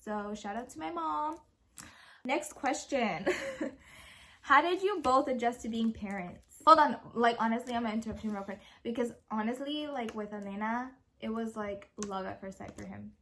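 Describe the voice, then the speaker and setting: A young woman and parent telling a story in a casual question-and-answer video, chatty and quick to laugh. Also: a little high, fairly bright tone. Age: young adult. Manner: giggly, laughs often while telling a story; chatty, full of fillers and quoted speech. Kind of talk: casual Q&A chat.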